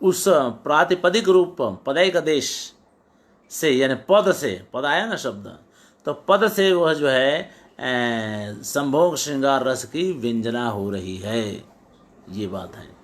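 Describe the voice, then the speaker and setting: A man's voice: medium pitch, lively intonation, slow. A middle-aged male teacher giving a lecture on Sanskrit poetics, quoting verses and glossing them phrase by phrase, often repeating and restarting words.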